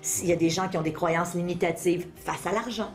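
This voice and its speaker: A middle-aged woman from Quebec, Canada, speaking with a Quebec French accent, appears as an interview guest; she is a motivational speaker and author who explains self-help ideas conversationally and didactically, using questions and examples aimed at listeners. Her voice is fairly low with fairly even intonation, a little fast, with faint music behind her.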